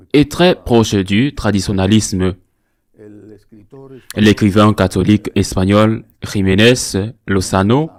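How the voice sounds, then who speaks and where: Priest doing news commentary, lowish voice, measured, repeats himself for emphasis. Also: male voice, darkish tone.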